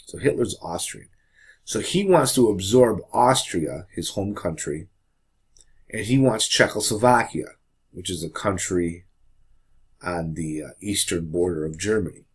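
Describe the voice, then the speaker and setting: A man teaching a high school history lesson in a casual, chatty way, often checking in with the class. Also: unhurried, husky. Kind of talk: classroom lecture.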